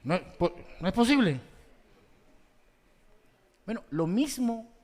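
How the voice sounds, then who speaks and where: A man preaching a sermon as pastor, swinging between loud exhortation and soft, slow emphasis, with rhetorical questions to the congregation. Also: high voice, sing-song. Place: church hall. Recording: long reverb of a large church hall.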